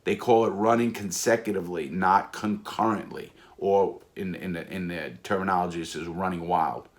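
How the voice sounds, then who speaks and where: A middle-aged American man telling a story in a blunt, animated way that keeps circling back and repeating itself. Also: deep voice, moderate pace. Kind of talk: casual spoken storytelling.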